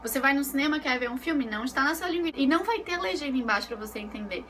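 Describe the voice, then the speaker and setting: Talking fast in a high voice, a vlogger with a Brazilian Portuguese accent shares stories from her bedroom. She is animated and acts out the voices of anyone she quotes.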